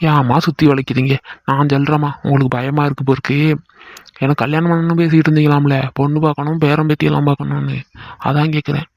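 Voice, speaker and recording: A man's voice: on the high side, little pitch movement, quick pace, creaky, no echo. A man voicing an impatient grown son in a cartoon who presses his mother with questions. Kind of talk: cartoon voice acting.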